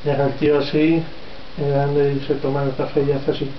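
A man's voice: mid-range voice, level tone, brisk. A man in his twenties with a Spanish accent from Spain, casually telling a joke. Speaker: joke teller. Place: small bedroom, indoors. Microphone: camera or computer mic at a distance. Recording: dull, echoey room, distant noisy mic.

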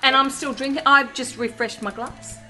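Giggly drunk middle aged lady doing a home cooking video, bright voice, bit far from the mic. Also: high-pitched, steady tone, normal speed. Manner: giggly, tipsy. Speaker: home cook hosting a video. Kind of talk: casual cooking chat. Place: home kitchen, indoors. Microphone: camera a few steps away. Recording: echoey kitchen, distant mic, music.

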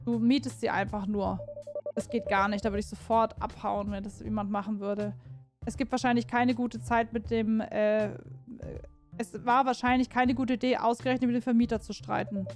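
A woman's voice: on the high side, little pitch movement, normal speed, a little mellow, faint music behind. A woman hosting a let's play, reading game dialogue aloud and translating it on the fly with restarts and side comments.

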